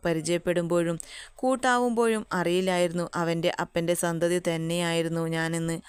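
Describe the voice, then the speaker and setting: A woman narrating a romance story in a steady, even reading voice. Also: on the low side, clean tone, dry recording.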